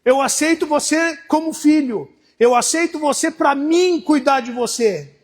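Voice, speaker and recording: Here a male pastor's extremely high-pitched voice moves a little slowly as he preaches, his Brazilian Portuguese accent clear. The sermon shifts between hushed narration and shouted calls to his listeners.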